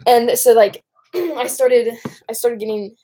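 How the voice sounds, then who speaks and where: A woman's voice: on the high side, slow, warm tone. A young woman with a Great Lakes Michigan accent chats casually on a live stream in an informal, rambling way. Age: young adult. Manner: rambling, informal, breaks off and addresses viewers.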